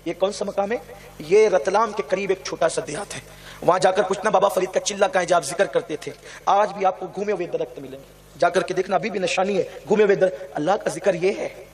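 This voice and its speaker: A man's voice: sits high, slight background noise. A man preaching a devotional sermon, telling stories with passion and asking the audience rhetorical questions.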